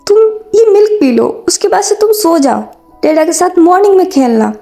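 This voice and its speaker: Woman reading an exasperated young man, scolding, high and mellow, soft music behind. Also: very animated, normal speed, gravelly, full character voice. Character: hot-tempered young man scolding a stubborn child. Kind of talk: fanfiction storytelling.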